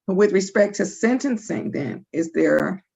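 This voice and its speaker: A woman judge running a sentencing hearing, firm and brief, with a husky voice. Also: medium pitch, animated, measured pace, darkish tone. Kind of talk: courtroom proceedings.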